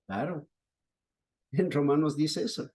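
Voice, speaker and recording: A man preaching a sermon to a small congregation, telling stories slowly and deliberately. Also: husky. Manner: slow, deliberate storytelling with lively pitch swings.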